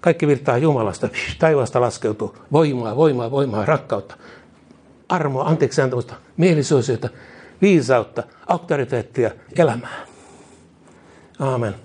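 Fervent husky-voiced male preacher. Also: medium pitch, a little mellow. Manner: fervent, repeats phrases, leads prayer line by line. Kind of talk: sermon with congregation prayer. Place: church.

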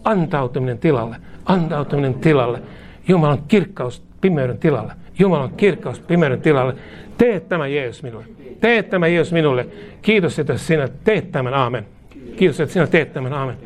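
Guy preaching, voice a bit high, fervent prayer, says each line for the crowd to repeat. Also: animated. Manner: leads a congregation in call-and-repeat prayer, fervent. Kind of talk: charismatic prayer leading.

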